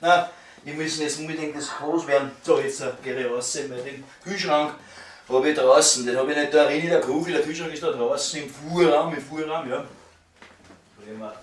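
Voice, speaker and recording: A middle-aged man with a fairly high voice and a Viennese accent grumbles like a fed-up waiter. He rambles and swears, repeating words as he gets worked up. The sound is roomy, picked up a little away from the mic. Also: normal speed. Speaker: waiter venting about the job. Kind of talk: casual rambling vlog rant. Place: at home, indoors. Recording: roomy echo, distant mic, clicks and noise.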